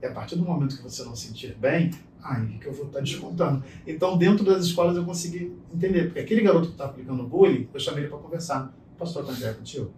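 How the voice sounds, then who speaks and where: A man's voice: a little high, fast talker, few pauses. Middle-aged man telling stories in an echoey room. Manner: animated storyteller, acts out dialogue. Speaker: guest speaker. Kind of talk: storytelling conversation. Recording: echoey room, distant mic, faint noise.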